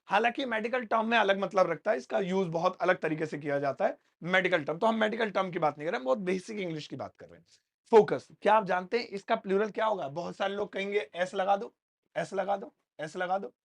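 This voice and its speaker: A man's voice: high-pitched, fast talker, creaky. A man teaching an English grammar lesson in a classroom, explaining in a playful way with joking asides to his students. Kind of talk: spoken English lesson in Hindi.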